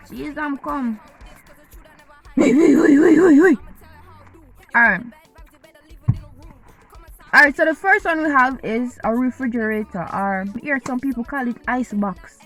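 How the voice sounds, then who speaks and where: Jamaican woman vlogger, high and bright, teasing casual delivery. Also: takes it slowly, pauses often, soft background music, poor audio. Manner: playful, teasing, eating while talking. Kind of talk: casual chat to camera.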